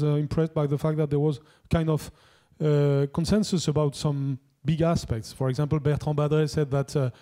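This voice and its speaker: A man's voice: on the high side, warm tone. A man giving formal closing remarks at a conference, hesitant, with many fillers and restarts.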